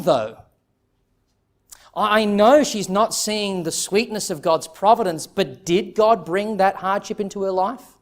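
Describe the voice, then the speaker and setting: A man preaching an expository sermon as a pastor, earnest and emphatic, putting direct questions to his listeners. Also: high-pitched.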